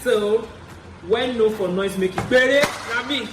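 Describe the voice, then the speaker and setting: A young woman with a Nigerian accent and a fairly high, unhurried voice shares personal stories in a relaxed, chatty vlog, repeating phrases for emphasis. It's casual confessional storytelling, recorded in an echoey room with noticeable background noise.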